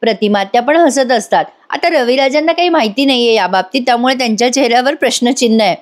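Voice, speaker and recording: Woman, voice-over episode recap, chatty storytelling, fairly high pitch. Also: fast talker. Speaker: serial review narrator.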